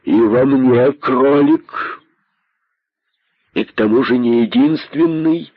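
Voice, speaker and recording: A man voicing a great python king who is cold, scornful and menacing, speaking slowly and with contempt in an audiobook. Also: medium pitch, steady tone, no echo, narrow, tinny audio. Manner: slow, contemptuous, threatening.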